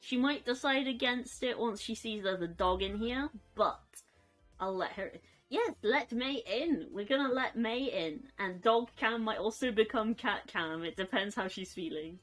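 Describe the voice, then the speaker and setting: A young woman chatting casually on a live stream from her bedroom, soft and rambling, cooing at her pets. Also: medium pitch, moderate pace, faint music behind.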